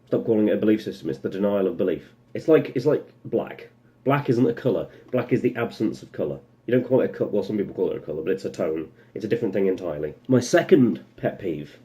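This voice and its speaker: A man's voice: on the low side, animated, quick pace, mellow. A young man giving a casual opinion monologue as a vlogger, rambling and sarcastic, breaking off into asides. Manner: rambling, sarcastic, full of self-interrupting asides.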